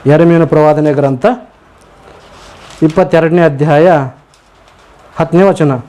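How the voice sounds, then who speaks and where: High-voiced earnest male preacher. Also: fairly even intonation, measured pace, mellow. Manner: earnest, asks the listeners rhetorical questions. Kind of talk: sermon ending in prayer.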